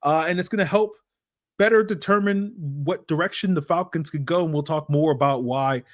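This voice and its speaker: A man's voice: a little high, normal speed. A man hosting a football podcast, talking through draft prospects in a loose, conversational way with lots of fillers and restarts. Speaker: podcast host. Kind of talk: casual sports analysis podcast.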